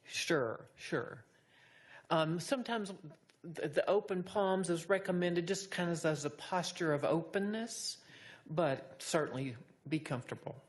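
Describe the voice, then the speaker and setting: A woman's voice: lowish voice, unhurried. A woman teaching meditation, leading an informal group discussion in a hesitant, reflective way and echoing back what participants say.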